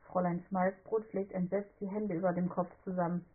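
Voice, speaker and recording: A woman narrating a children's story in an even, clear storytelling manner. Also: lowish voice, a little fast, phone-quality sound, a little hiss or hum. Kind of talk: scripted children's story reading.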